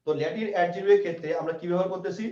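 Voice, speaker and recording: A man's voice: sits high, very fast, a little mellow, a little hiss or hum. A man teaching an English grammar lesson, repeating points and asking and answering his own questions. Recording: echoey, distant, dull lo-fi room sound.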